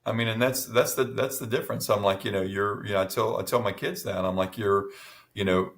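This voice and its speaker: A man's voice: on the low side, steady tone, quick pace. A middle-aged man in casual chat as podcast co-host, telling stories with many restarts and fillers.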